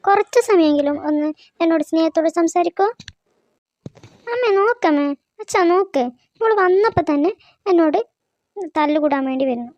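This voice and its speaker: Woman voicing a bossy cartoon big sister, very high and sharp, dry close sound. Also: lively intonation, normal speed, long pauses, no echo, muffled recording. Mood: pleading. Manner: bossy, scolding. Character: bossy young woman, visiting older sister. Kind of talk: cartoon voice acting.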